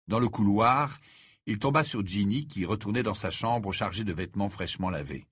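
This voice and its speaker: A man's voice: fairly low pitch, normal speed, a bit bright, husky, dry recording, clean studio sound. A man reading a storybook aloud expressively, narrating and doing all the voices. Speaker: audiobook reader.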